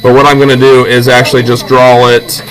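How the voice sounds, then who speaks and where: Medium in pitch and monotone, this art teacher talks a little fast while leading a step-by-step, hands-on drawing lesson punctuated by short check-in questions. Classroom chatter surrounds his voice on a low-quality recording.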